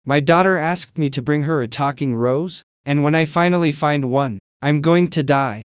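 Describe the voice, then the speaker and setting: A poor, frightened father from a storybook tale, pleading slowly, voiced by a male narrator. The voice sits a bit high for a man. The recording is dry and close. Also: clean tone, no room sound, close to an everyday voice.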